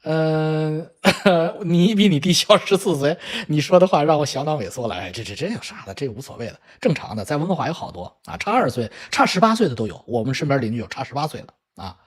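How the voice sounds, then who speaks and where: A man's voice: a little high, very animated, a little fast, slightly rough. A middle-aged man hosting a casual livestream chat, telling family stories animatedly with swearing and laughs. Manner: acts out children's voices in quoted lines. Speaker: livestream host. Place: home in Vancouver.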